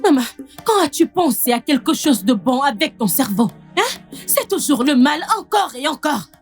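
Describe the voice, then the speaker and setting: A defiant young daughter. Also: female voice, high voice, very animated, moderate pace, faint music behind. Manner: defiant, mocking.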